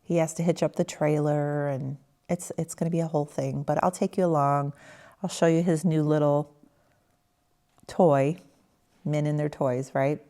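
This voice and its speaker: Chatty woman vlogging outdoors, low voice. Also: normal speed, dry recording, clean studio sound. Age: 50s. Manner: chatty, relaxed, addressing viewers directly. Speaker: health coach and vlogger. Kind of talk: casual vlog chat. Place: outdoors at home, patio and walking route.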